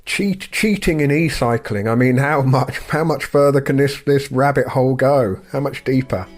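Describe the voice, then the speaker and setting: A man co-hosting a podcast in casual chat, thinking aloud with plenty of ums and rhetorical questions. His voice sits at an ordinary middle pitch. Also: normal speed. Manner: conversational, musing with fillers. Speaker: podcast co-host.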